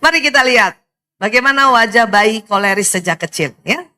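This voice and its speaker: A middle-aged woman from Indonesia giving a lively religious talk to women, animated, often laughing and speaking straight to her listeners. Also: on the high side, moderate pace. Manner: animated, laughs often, addresses audience directly.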